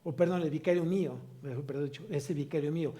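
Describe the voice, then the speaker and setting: A pastor with a Mexican Spanish accent delivers a sermon, posing rhetorical questions to the congregation and building to emphatic peaks. His voice is fairly high, quick and mellow.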